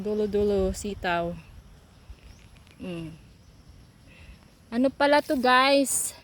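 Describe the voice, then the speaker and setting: A young woman gives a slow, relaxed walking tour of a vegetable farm, filming on her phone. Her voice sits a little high, and she talks to viewers in an easy, repetitive way. Animals and open countryside are heard around her. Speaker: vlogger. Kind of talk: casual walking tour vlog.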